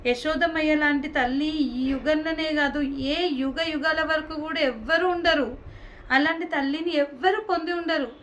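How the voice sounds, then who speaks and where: A woman's voice: high voice, fairly even intonation, a little slow. Woman putting on young male cowherd god, longing for home, faint hiss. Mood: grieving. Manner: calls out eagerly to friends, then laments softly.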